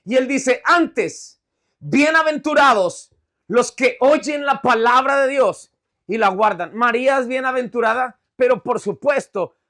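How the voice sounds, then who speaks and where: A man preaching a sermon in an animated, conversational way, often asking the congregation if they follow. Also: extremely high pitch. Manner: animated, conversational preaching with frequent check-ins. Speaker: pastor.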